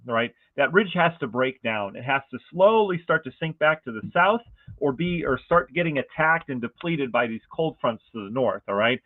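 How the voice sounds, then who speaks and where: A man giving a casual, conversational weather forecast, excited about the pattern and often asking viewers rhetorical questions. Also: medium pitch, no echo. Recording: dry, phone-like narrow band.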